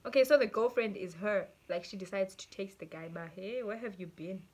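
A young South African woman, a YouTuber, reads viewers' stories aloud in a mid-range voice, going a little fast over slight background noise. She's animated and laughs often, switching between English and Xhosa with a South African accent.

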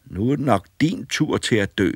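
A man voicing a fearless, cheeky boy in an audiobook fairy tale, bright and eager. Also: fairly low pitch, animated, slightly rough, dry recording, studio quality, voice pushed up, full character voice. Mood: cocky. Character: fearless, cheeky young boy who cannot feel fear.

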